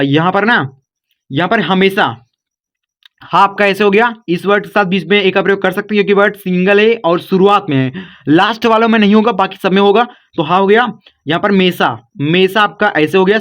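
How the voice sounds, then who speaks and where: A man's voice: high voice, fairly bright tone, muffled recording. A man teaching English spelling in a casual chatty way, calling viewers brother and guys.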